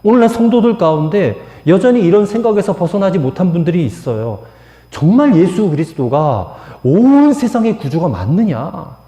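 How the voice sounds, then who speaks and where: A man's voice: sits high, very animated, moderate pace, mellow. A male pastor preaching a sermon to his congregation and asking them rhetorical questions. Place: church sanctuary. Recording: echoey church hall with long reverb.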